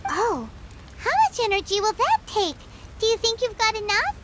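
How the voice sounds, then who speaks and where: A woman voicing a tiny, childlike, loyal fairy companion in a video game, with a squeaky, excitable delivery. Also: normal speed, very noisy. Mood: chatty. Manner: squeaky, exclamatory, refers to self in third person.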